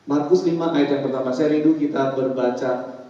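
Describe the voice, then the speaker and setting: Emphatic pastor in an echoey hall. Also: male voice, mid-range voice, fairly even intonation, moderate pace, dark tone. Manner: emphatic, keeps tagging lines with "ya, saudara" to the congregation. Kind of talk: sermon with responsive scripture reading. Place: church hall. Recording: echoey church hall, distant dull mic.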